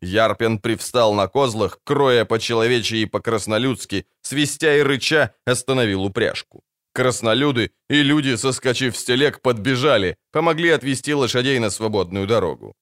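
A man narrating an audiobook in a measured storytelling manner. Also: mid-range voice, fairly bright tone, no echo, clean studio sound. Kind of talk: scripted narration.

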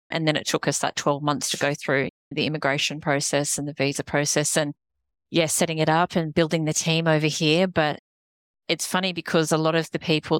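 A woman's voice: low-pitched, a bit bright, clear, resonant tone, no room sound. A middle-aged woman with an Australian accent, talking earnestly as an interview guest, restarting her sentences often. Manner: earnest, rambling with frequent restarts. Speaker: guest, executive coach. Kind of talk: casual interview conversation.

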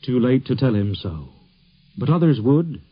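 Man, documentary narrator, formal, measured, muffled vintage radio sound. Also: medium pitch, big pitch swings, slightly rough. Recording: dull 1950s radio recording.

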